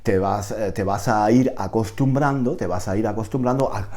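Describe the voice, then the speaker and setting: A man from Spain with a Spain Spanish accent, giving a casual video lesson as a Spanish teacher, animated and repeating phrases as he explains. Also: lowish voice, normal speed.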